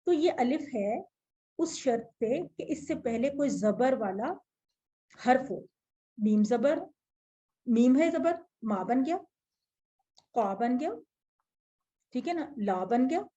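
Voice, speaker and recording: High-voiced woman teaching Arabic grammar. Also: animated, slow, pauses often, mellow, muffled recording. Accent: Urdu-speaking, Pakistani. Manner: explanatory, asks the class questions. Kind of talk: classroom grammar lesson.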